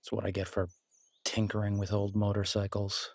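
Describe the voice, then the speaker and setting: Voicing a warm-hearted, laid-back werewolf boyfriend who fixes up bikes, this man speaks in a low, creaky voice with a completely flat delivery. The intimate roleplay audio drama has no echo, and his talk is casual and halting.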